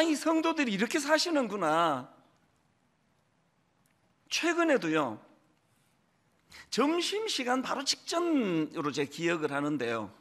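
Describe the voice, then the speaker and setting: A middle-aged man preaches with a high, lively voice that swings up and down. He tells stories with feeling and acts out the people in them. His tone is bright and forceful. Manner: animated, emotional storytelling with quoted dialogue. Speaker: pastor. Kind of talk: sermon with personal storytelling.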